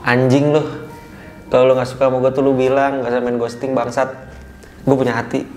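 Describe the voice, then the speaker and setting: A man's voice: mid-range voice, level tone, a little fast, darkish tone, slight background noise. Blunt, slangy young man. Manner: blunt, slangy, swears freely. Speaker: interviewee. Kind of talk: casual vlog interview answers.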